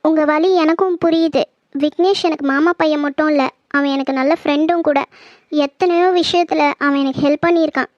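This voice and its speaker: A woman voicing a calm young relative who reassures two grieving cousins in a cartoon. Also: sits high, brisk, dry recording, dull audio, lightly acted. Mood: reassuring.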